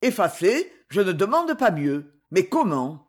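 Haughty sneering nobleman, played by the narrator, loud and lively, for a storybook. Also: mid-range voice, unhurried. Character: arrogant scornful nobleman duke, sneering.

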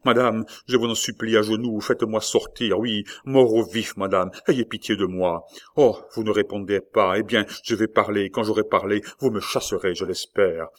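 A man's voice: fairly low pitch, steady tone, normal speed, lightly acted. A man reading aloud, voicing a wounded young nobleman who speaks fervently and pleads with passion. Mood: pleading.

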